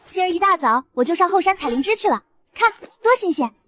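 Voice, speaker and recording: A guileless village girl in a comic costume drama. Her voice is very high, chirpy and innocent, with faint noise behind it. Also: big pitch swings, fast talker, fairly bright tone, exaggerated voice. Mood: cheerful, innocent. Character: breezy, guileless village girl, doting yet troublesome daughter.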